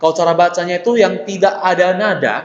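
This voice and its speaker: A man's voice: high-pitched, steady tone, fast talker. Patient male language teacher in an echoey room. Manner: patient, repeats syllables and checks in with "ya" and "oke". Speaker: Mandarin teacher. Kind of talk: classroom lesson explaining Mandarin tones. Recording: echoey, dull, lo-fi room recording with long reverb.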